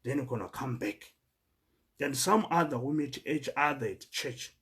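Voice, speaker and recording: His voice sits at medium pitch, animated and a bit bright, at a normal speed. The speaker, a man from Zimbabwe with a Zimbabwean accent, talks earnestly to fellow migrants, quoting scripture and repeating words as he hunts for what comes next.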